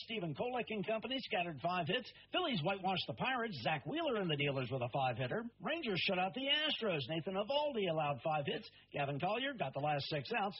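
A man reading a brisk, punchy radio sports roundup, taped off the radio. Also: high voice, a little hiss or hum. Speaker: sports newscaster. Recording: lo-fi radio recording.

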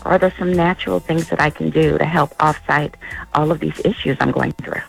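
A woman's voice: low-pitched, steady tone, brisk, creaky, faint music behind. A woman in her fifties calling in to a radio show over a phone line and asking a plain, earnest question. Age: 50s. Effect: caller's voice heard over a phone line on the radio. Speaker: caller to a radio health show. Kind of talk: phoning in a question.

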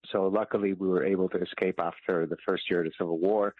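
A man in his fifties from Lebanon, a guest author answering interview questions in a measured way with some hesitations. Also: low-pitched, steady tone, dry recording. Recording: tinny phone line.

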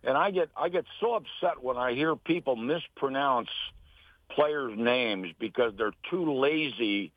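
He is an American man, middle-aged or older, who announces sports and teaches broadcasting, heard as an interview guest on a tinny phone line. His medium-pitched voice moves a little slowly with lively intonation and a dry sound. He speaks earnestly, emphatically repeating phrases for stress.

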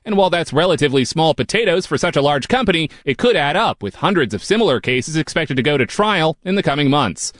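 A man delivers a scripted news report. His voice is a little high and very animated, recorded dry and close. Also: quick pace, few pauses, dry recording. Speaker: news correspondent.

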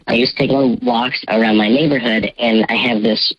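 A male caller whose voice is warped by a voice changer comes through a dull, muffled phone line with a dry, close sound. He speaks hesitantly, with many fillers, at an ordinary pitch. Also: steady tone, normal speed, dry recording. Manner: hesitant, full of "um" and "like". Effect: voice changer disguising his voice. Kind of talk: telling a confession on a call-in show.

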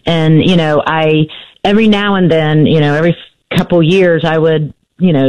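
A woman's voice: sits low, a little mellow. A middle-aged woman, an author and radio guest, telling her family story hesitantly with many fillers and restarts, heard through a dull lo-fi AM radio sound. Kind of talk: radio interview, personal storytelling.

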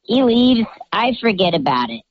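A man calling in anonymously through a pitch-shifting voice changer, telling a story in a cheery, chatty way with lots of casual asides. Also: very animated, normal speed, no room sound. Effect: pitch-shifting voice changer disguising his voice. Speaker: anonymous caller. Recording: muffled lo-fi call audio.

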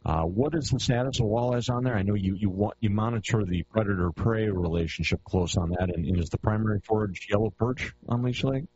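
Deep-voiced male radio host, taped off the radio. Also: brisk, hardly any pauses. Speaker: radio outdoors show host. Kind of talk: radio interview. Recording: dull lo-fi radio tape with faint hiss.

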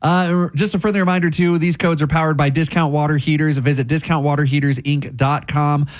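A male radio host with a somewhat high-pitched voice. He delivers a contest promotion in a presenter's style. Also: steady tone, a little fast.

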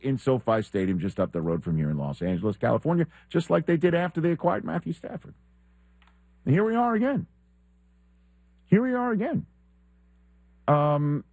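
A man's voice: fairly high pitch, a little mellow, no echo. A middle-aged man hosting a sports talk show in a studio, chatty and laughing often, with plenty of ums and uhs. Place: radio studio.

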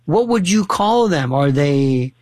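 A man hosting a casual talk-radio conversation, asking animated, probing questions and often restarting his sentences. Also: a little high, slow, dry recording.

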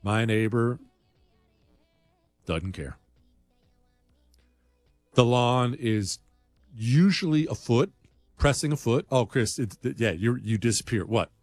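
Blunt, animated talk show host. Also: male voice, medium pitch, takes it slowly, long pauses, dry recording, soft background music. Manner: blunt, combative, rambling asides. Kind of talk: opinionated radio-style monologue.

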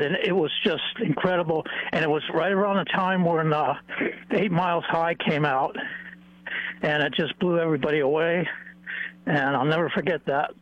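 An older man from Santa Barbara, California, calling in to a radio show over a phone line and reminiscing in a rambling, halting way. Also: on the high side, no echo. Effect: heard over a phone line on the radio. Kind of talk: call-in reminiscing. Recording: dull, dry phone-line audio.

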